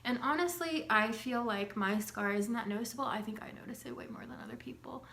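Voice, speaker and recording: A young woman's voice, on the high side, creaky and a bit bright, moves a little fast. She's a vlogger with a slight cold, clearing her throat and chatting to camera in a rambling, filler-heavy way about her recovery, in an echoey room with a faint hum.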